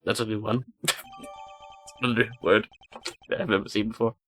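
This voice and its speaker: A man's voice: fairly low pitch, steady tone, normal speed, a bit bright, soft background music. A man doing casual, rambling, goofy commentary as he plays a video game. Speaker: gaming video host.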